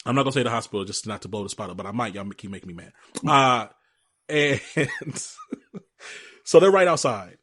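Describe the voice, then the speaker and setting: Podcast host, male, mid-pitched, casual and animated storyteller, talks in bursts with restarts. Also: a little fast. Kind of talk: conversational interview storytelling.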